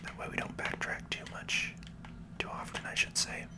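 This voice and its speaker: A video game playthrough is narrated step by step by someone whispering quietly and without hurry, in ASMR style.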